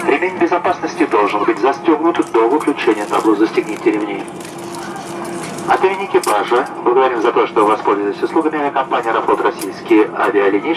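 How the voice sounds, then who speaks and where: Man, flight crew, formal scripted cabin announcement over the loudspeaker, distant, engine noise behind. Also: on the low side.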